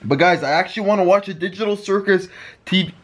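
Slightly high-voiced young man vlogging casually. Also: fast. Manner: slangy, laid-back. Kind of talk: casual reaction vlog chat. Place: bedroom, reclining on a bed.

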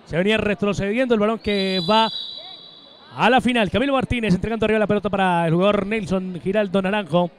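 A man giving live match commentary as play-by-play announcer, in excited breakneck goal-commentary style with drawn-out shouts. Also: high-pitched.

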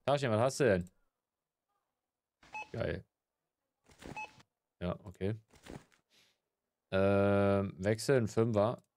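Man, let's play commentary, grumbly, swears, lowish voice. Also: extremely slow, long pauses, darkish tone, a little hiss or hum. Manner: grumbling, swears a lot, mock-polite shop greetings. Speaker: gaming let's player. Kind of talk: casual gameplay commentary.

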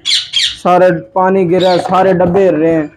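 His voice is high, his delivery flat and his pace measured as this Pakistani vlogger complains about his birds with exasperated chatter. The recording is loud with squawking and chirping from the indoor aviary he keeps.

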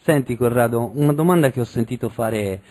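A man's voice: medium pitch, a little fast, darkish tone. A man hosting a radio interview and putting a question to his guest.

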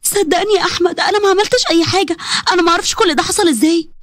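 Woman playing a frightened young Egyptian wife, pleading, her high voice climbing higher in panic. She talks very fast, and the sound is dry. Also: fairly bright tone, no echo. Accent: Egyptian Arabic.

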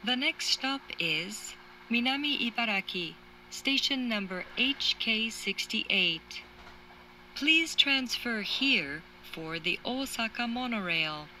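A woman's voice: a little high, expressive, drawn-out words, bright, forceful tone, slight background noise, rough recording. A woman reading scripted station announcements as an automated train announcer.

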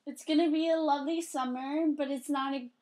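A woman's voice: sits high, steady tone, a little fast, a little mellow. A playful young woman in casual chat with friends, who likes trying on silly accents, recorded on a computer webcam mic.

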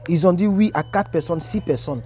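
A man's voice: sits high, normal speed. A man, reacting to comments in a casual, preachy vlog from his work break. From Ivory Coast. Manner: animated, repetitive, preachy.

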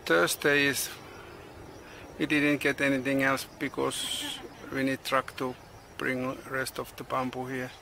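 Non-native guy slowly talking to camera on his farm, gravelly voice, faint outdoor noise in the back. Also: mid-range voice, monotone. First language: not English. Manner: halting non-native English with many pauses and uh's. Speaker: farm vlogger. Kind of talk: casual vlog narration. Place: outdoors on a tropical farm building site. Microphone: handheld camera selfie and tripod camera.

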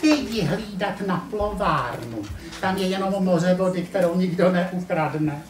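A man's voice: high voice, close to an everyday voice. A man voicing a conceited, bossy female farm cat in a live puppet show. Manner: bossy, know-it-all, teasing. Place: family centre playroom, live puppet show. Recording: echoey room from far off, audience.

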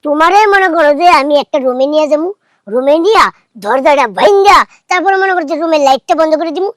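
Woman as brash young man, very high voice, wheedling and impatient, dry sound. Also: no room sound, lightly acted. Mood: pushy. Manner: wheedling, impatient, drawn-out "aha". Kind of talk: comedy TV play acting.

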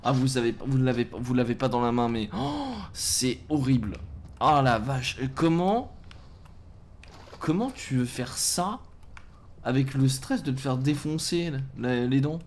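A man streaming live as he plays a game, reacting out loud, often swearing and groaning in frustration. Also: mid-range voice, big pitch swings, a little slow, slight background noise.

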